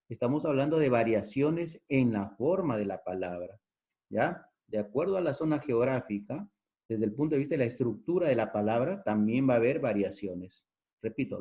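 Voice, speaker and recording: A man's voice: mid-range voice, warm tone. A man with a Peruvian accent teaching a lesson, explaining step by step, repeating key terms and checking in with the listener. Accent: Peruvian Spanish. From Peru. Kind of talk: recorded lesson. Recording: dull lo-fi recording.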